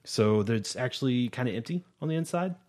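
A man narrating as game master in a relaxed, descriptive way. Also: mid-range voice, a little fast. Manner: relaxed, descriptive, with small fillers.

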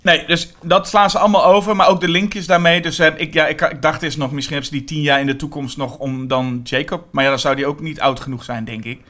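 A man co-hosting a podcast, talking casually about horror films in quick, animated bursts with many fillers. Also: on the high side. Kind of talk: casual film discussion.

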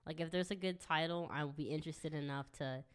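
A young woman in her twenties, a student hosting her podcast, chatting in an easygoing, soft-spoken way. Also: low-pitched, fairly even intonation, fairly quick, smooth. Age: 20s. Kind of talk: casual chat.

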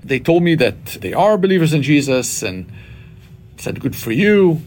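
A man in his fifties from Israel speaks as an interview guest, recounting his story in a measured, reflective way. He pauses often and fills gaps with small hesitations. A faint low rumble sits behind his voice. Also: big pitch swings, darkish tone. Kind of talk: personal testimony interview.

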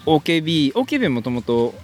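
A man's voice: a little high, very animated, racing, a little hiss or hum. A man with a Kansai accent telling joking anecdotes in casual chat. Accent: Kansai Japanese.

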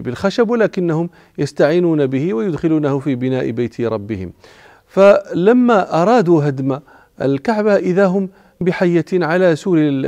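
A man's voice: fairly high pitch, mellow, dry recording. A man giving a religious lecture, explaining old words as he goes and often stopping to restart a word. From Morocco. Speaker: religious teacher. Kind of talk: classical Arabic lecture on the Prophet's life.

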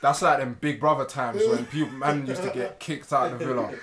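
A young man chimes in with laid-back, slangy agreement as a podcast co-host. Other voices chatter clearly behind him. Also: medium pitch, steady tone, brisk. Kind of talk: casual chat.

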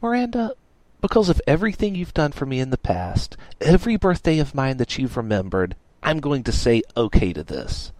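A man voicing a blunt, tough teenage girl mechanic who talks in a gruff, dismissive way. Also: mid-range voice, big pitch swings, normal speed, darkish tone, dry recording, voice pushed up, natural voice. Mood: grudging.

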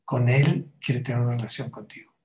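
A man's voice: mid-range voice, fairly even intonation, fairly quick, a little mellow. A man giving a sermon as a rabbi, telling stories and asking the audience rhetorical questions.

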